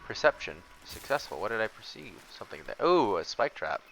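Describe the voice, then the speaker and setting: A man's voice: lowish voice, big pitch swings, brisk, creaky, a bit bright, a little hiss or hum, low-quality recording. A man giving casual let's play commentary, thinking aloud and reacting expressively. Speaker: gaming streamer.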